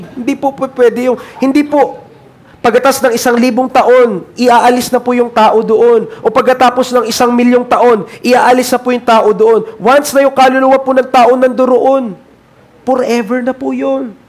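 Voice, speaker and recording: A Filipino-accented man preaches in a church with a voice pitched unusually high. He drives his points home through repetition and sudden swings between forceful urgency and quiet, earnest tones. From Philippines. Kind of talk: sermon.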